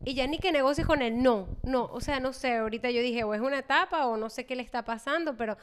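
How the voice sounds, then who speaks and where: A woman's voice: high-pitched, fast talker, clear, resonant tone. A woman, co-hosting a podcast as a mother and chatting casually about parenting. She talks animatedly and acts out her child's lines. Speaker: podcast co-host.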